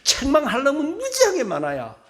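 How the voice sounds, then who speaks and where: A middle-aged male pastor preaching a sermon in a church, his talk swinging between soft, low musing and loud, shouted bursts. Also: huge pitch swings, moderate pace. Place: church sanctuary.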